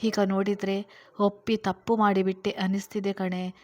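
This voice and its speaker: A woman's voice: mid-range voice, flat delivery, moderate pace, a little mellow, lightly acted. A woman voicing an anxious younger sister, crying and worried, in a storybook reading. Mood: tearful.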